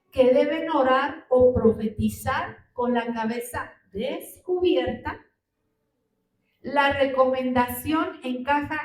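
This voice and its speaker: A woman preaching a sermon in a church, often asking the congregation rhetorical questions. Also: high-pitched. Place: church hall. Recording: roomy hall, distant mic.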